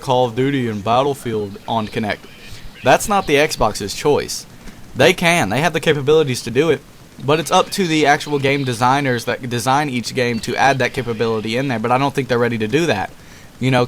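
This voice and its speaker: A young man giving casual, rambling commentary over gameplay, excited and addressing his viewers directly. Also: mid-range voice. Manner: rambling and enthusiastic, talks to viewers as guys. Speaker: gaming YouTuber.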